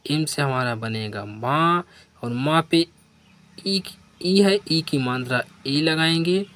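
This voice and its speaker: A man's voice: on the high side, a bit bright. A man teaching beginners, spelling out words letter by letter and asking questions back to the learner. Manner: spells letters one by one and asks the viewer to repeat. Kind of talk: slow spelling lesson for beginners.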